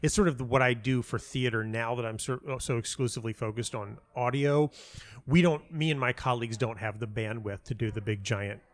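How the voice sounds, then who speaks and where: This playwright and audio dramatist talks briskly in an interview, his medium-pitched voice keeping a fairly even intonation with no echo. His answers are casual and rambling, and he keeps cutting himself off mid-story.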